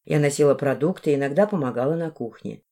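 A woman voicing a calm woman who once served a noble family, speaking slowly and measuredly in an audiobook. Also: deep voice, voice pushed down. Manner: slow and measured.

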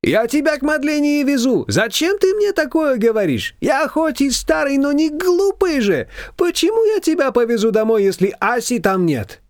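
Man doing a boastful old taxi driver, talkative, high-pitched, dry close mic. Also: big pitch swings, normal speed, few pauses, no echo, full character voice. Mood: chatty. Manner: talkative, boastful, indignant rambling.

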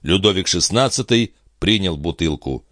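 A male narrator reads a historical novel in a fairly low voice with a lively, varied melody. The delivery is steady and expressive. The recording is close and dry. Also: moderate pace, no room sound. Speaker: audiobook narrator. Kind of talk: scripted narration.

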